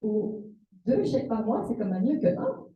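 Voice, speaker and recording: A woman with a fairly high voice and huge pitch swings interprets a seminar talk consecutively at a moderate pace, phrase by phrase. She echoes the speaker's examples expressively and sometimes corrects herself. The recording sounds roomy and slightly dull.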